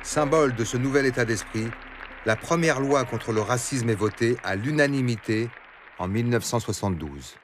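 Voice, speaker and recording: A man giving scripted documentary narration in a measured, solemn way. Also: mid-range voice, lively intonation. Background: music.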